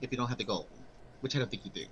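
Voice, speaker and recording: A man voicing a flattering, scheming merchant in a tabletop game, with the oily, theatrical manner of a mustache-twirling villain. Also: medium pitch, rapid-fire, muffled recording, pitched below the performer's own voice, close to an everyday voice. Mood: smooth, wheedling. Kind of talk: tabletop role-play character acting. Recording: faint background noise, room ambience.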